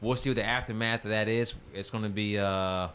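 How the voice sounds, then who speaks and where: A man co-hosting a casual local politics podcast, relaxed and joking in manner. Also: fairly low pitch, fairly quick, clear, resonant tone. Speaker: podcast co-host.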